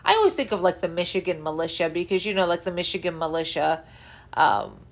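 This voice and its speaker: A woman's voice: fairly low pitch, very animated, brisk. A woman hosting a podcast, chatting casually about pop culture, laughing easily and swearing freely. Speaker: podcast host.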